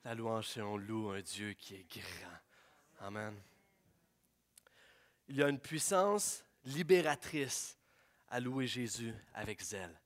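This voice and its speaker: A young man preaching a sermon, telling stories in an animated way and slipping in English phrases. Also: lowish voice, slow, long pauses. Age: young adult.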